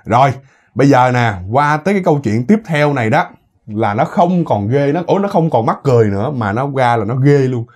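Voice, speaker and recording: A man with a Southern Vietnamese accent telling a ghost story in an animated, casual way, often repeating words and speaking to his listeners. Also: medium pitch, brisk.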